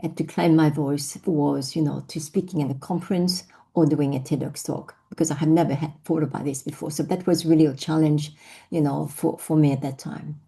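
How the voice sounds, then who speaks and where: A middle-aged French-accented woman from France speaks at normal speed in a low, steady, warm voice that's gravelly with a breathy edge. Invited to an online session, she reflects on her personal story, restarting often and using many fillers.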